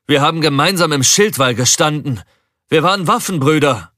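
A man's voice: on the high side, expressive, normal speed, sharp tone, no room sound, studio quality, voice pushed up. A man voicing a desperate male warrior who pleads with an old comrade in strained, raised tones.

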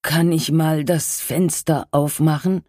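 A woman's voice: sits low, steady tone, takes it slowly, mellow, no echo, clean studio sound, pitched above the performer's own voice. A woman reading a story aloud, voicing a timid, squeamish man who stammers and complains. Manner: stammering, plaintive.

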